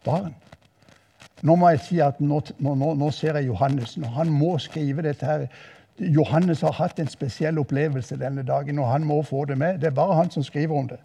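An older man with a southern Norwegian accent preaches with lively storytelling in a mission hall. His voice sits high but sounds dark and mellow. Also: creaky, husky. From southern Norway. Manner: lively storytelling, voice rising for quoted exclamations. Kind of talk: sermon.

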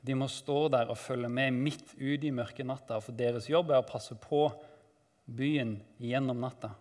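A man giving a conversational sermon as a Bible teacher, calm and reflective, his voice often trailing off quietly at the ends of phrases. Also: medium pitch, in a large hall.

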